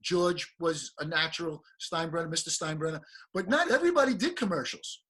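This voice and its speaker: A man's voice: a little high, expressive, a little fast, a bit bright, husky. A man, hosting an interview and asking long, rambling, chatty questions. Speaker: interview host. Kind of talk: casual interview.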